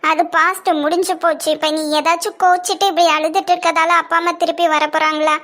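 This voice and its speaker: A woman's voice: extremely high pitch, level tone, fast, fairly bright tone. A woman with a Kanyakumari Tamil accent voicing young women and a fussing mother in a family cartoon, with a scolding, teasing manner.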